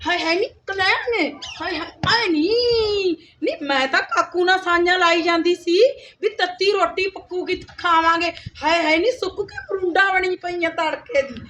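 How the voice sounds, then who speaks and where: A woman's voice: very high-pitched, normal speed, bright, forceful tone, a little hiss or hum, voice pushed up. Woman playing a spiteful, scheming stepmother. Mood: scolding. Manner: taunting, scolding, wailing "haye haye". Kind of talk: Punjabi village skit acting.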